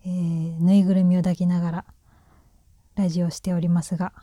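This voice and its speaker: A woman with a Kansai accent talks alone into a microphone like a little radio show. Her voice is mellow and fairly level, and she sounds shy and a bit nervous as she cracks self-deprecating jokes. The recording is close and dry. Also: on the low side, level tone, brisk, no echo. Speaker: solo radio host. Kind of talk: casual solo radio talk. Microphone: talking alone into a microphone.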